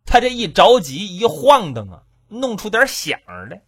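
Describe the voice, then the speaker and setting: A man telling a traditional comic story in a lively, dramatic, rhythmic way. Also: high-pitched, moderate pace, husky.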